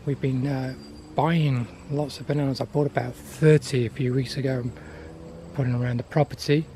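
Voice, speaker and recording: Mellow-voiced man on a casual garden tour. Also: medium pitch, little pitch movement, moderate pace. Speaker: gardener giving a property tour. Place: outdoors in a garden. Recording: outdoor ambient noise.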